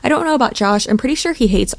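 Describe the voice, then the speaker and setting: A woman's voice: fairly high pitch, expressive, rapid-fire. A woman co-hosting a podcast in casual chat, telling stories and laughing often. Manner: chatty storyteller, laughs often. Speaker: podcast co-host.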